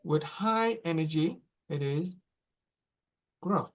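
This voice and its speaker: In a lo-fi recording, a man in his forties with a slightly high voice explains things slowly in a teaching talk. He speaks in short bursts, checking in with "right?" and "okay?" along the way.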